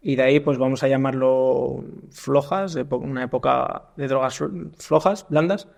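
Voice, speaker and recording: Young Spanish man with a gravelly voice. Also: medium pitch, fairly even intonation, moderate pace, darkish tone. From Spain. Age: young adult. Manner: hesitant, repeats words while asking questions. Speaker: podcast host. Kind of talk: casual interview.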